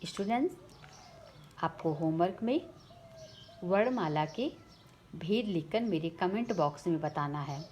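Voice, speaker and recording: Lower-pitched woman teaching grammar slowly. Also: lively intonation, a little mellow. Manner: slow, deliberate, repeats definitions; lifts pitch on headings and questions. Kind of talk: slide-based grammar lesson.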